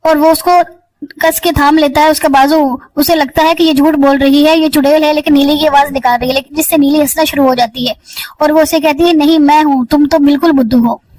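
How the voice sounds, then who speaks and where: A woman's voice: high-pitched, flat delivery, darkish tone, a little hiss or hum, poor audio. A woman recapping a television drama in a casual spoken style, telling scene after scene plainly and sometimes restarting a word. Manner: retells scenes in plain storytelling tone with small restarts.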